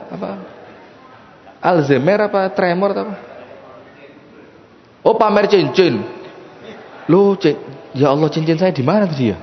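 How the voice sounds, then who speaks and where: East Javanese male preacher, lively and joking storyteller, somewhat high voice, echoey mosque sound. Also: dull audio. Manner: lively, jokey, plays with the audience. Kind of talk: sermon with storytelling. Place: mosque hall.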